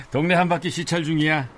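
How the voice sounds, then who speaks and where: A middle-aged man playing a boastful, grumbling father in a radio drama, quick to shout. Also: a little high, slight background noise, natural voice. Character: blustering, idle middle-aged dad.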